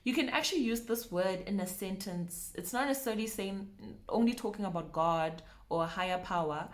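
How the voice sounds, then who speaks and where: A young woman teaching name pronunciation, saying each word slowly and repeating it, laughing often. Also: mid-range voice. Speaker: language teacher. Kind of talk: pronunciation lesson.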